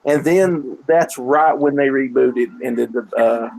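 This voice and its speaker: A man in a casual stream chat, agreeable and quick to chime in. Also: mid-range voice, vocal fry, a little mellow, poor audio.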